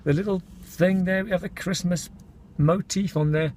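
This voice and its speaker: A man's voice: high-pitched, fairly even intonation, moderate pace, darkish tone, a little hiss or hum. A middle-aged man, born in Scotland and raised in England, chatting casually to camera in a daily vlog, self-mocking and calling his viewers folks. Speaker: vlogger.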